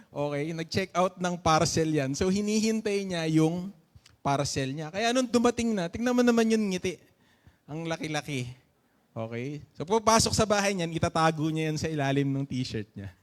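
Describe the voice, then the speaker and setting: Filipino male pastor, sermon, chatty and joking, keeps asking the congregation "okay?", voice on the high side. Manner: conversational, often asking "okay?" and "di ba?"; playful with jokes and laughter.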